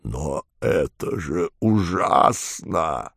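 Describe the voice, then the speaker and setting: A man voicing a greedy male space pirate boss with a booming, fat voice that turns to whining panic. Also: slow, no echo, studio quality. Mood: whining, panicky. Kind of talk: audiobook reading.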